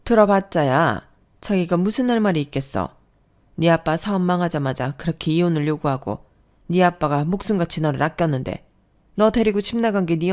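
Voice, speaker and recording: Pushy middle-aged aunt, put on by a woman narrator, guilt-tripping and pleading, slightly low pitch, radio story. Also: darkish tone, lightly acted. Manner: insistent, reproachful guilt-tripping.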